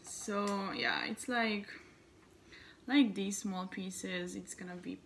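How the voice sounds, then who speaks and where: A woman's voice: mid-range voice, steady tone, slow, gravelly, a bit bright, a little hiss or hum. Chatty young Hungarian woman cooking. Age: young adult. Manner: chatty, enthusiastic, fillers like "like" and "uh". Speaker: cooking vlogger. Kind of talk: casual cooking tutorial.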